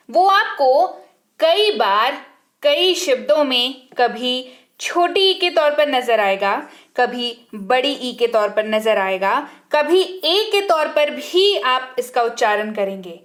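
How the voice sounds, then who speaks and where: Slow, high-voiced woman teaching English. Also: big pitch swings, fairly bright tone. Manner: slow and deliberate, spells words letter by letter, asks rhetorical questions. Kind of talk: spoken language lesson.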